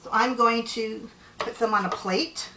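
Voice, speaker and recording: A woman hosts a cooking show from her home kitchen, chatting casually, friendly and playful with her partner as she cooks. Her voice is a little high, pushed and bright, with a steady tone and unhurried pace. The room echoes, and the mic sits at a distance.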